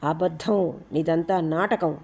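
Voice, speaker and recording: A woman's voice: deep voice, slow, creaky, darkish tone, slightly rough, exaggerated voice. A woman voicing a menacing male gold smuggler who taunts and orders people around. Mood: accusing. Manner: taunting, commanding.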